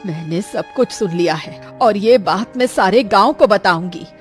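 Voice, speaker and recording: A woman's voice: medium pitch, a little slow, faint music behind, close to an everyday voice. A woman voicing a nagging, dramatic old grandmother of five granddaughters. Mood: defiant. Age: older. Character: scolding grandmother of five girls.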